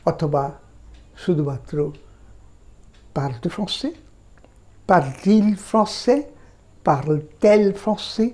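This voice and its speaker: A woman teaching a language lesson, explaining grammar patiently and drilling example phrases slowly and deliberately. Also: fairly low pitch, expressive, mellow.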